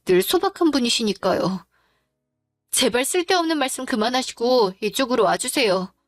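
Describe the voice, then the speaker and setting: A woman's voice: high voice, expressive, moderate pace, no room sound, faint music behind. A woman voicing a grieving young adult daughter who speaks tearfully but firmly and stands her ground in a dramatized story. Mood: upset. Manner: tearful but firm and confrontational.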